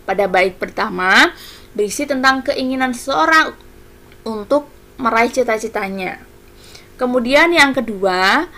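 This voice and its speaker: Bright-voiced woman teaching children. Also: a little high. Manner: patient, explaining step by step to children. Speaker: primary school teacher. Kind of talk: online music lesson for children.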